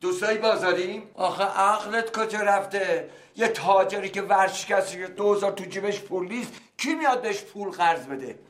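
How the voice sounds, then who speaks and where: A stubborn middle-aged father and failed merchant in a TV drama, his voice sitting fairly high for a man. He is insistent and quick to raise his voice. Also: a bit bright. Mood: exasperated. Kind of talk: TV drama acting.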